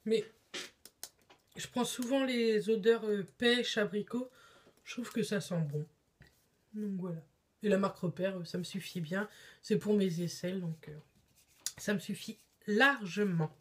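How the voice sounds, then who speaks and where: A woman's voice: mid-range voice, a little slow, pauses often, husky. A woman chatting casually on camera in a beauty haul vlog, with lots of hesitations. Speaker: beauty vlogger.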